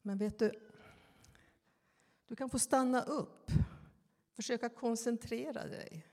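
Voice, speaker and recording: A woman preaching in a church, her voice low-pitched, soft and mellow. She talks slowly and reflectively, pausing often and turning questions to her listeners, while a long reverb trails each phrase. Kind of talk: sermon.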